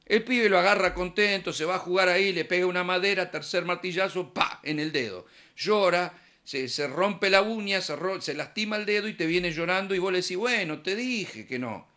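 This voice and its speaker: Rioplatense guy preaching, chatty, acts out the voices in his stories, pitch sits a bit high. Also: a little fast, hardly any pauses, sharp tone. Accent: Rioplatense Spanish. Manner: conversational, acts out dialogue in examples. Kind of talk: sermon.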